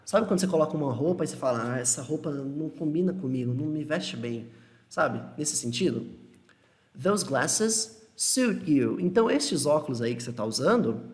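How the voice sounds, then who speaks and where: A young man with a Brazilian Portuguese accent teaching English live, answering viewers and slowing down to model each phrase. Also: a little high. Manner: patient, explanatory, slows to model English phrases.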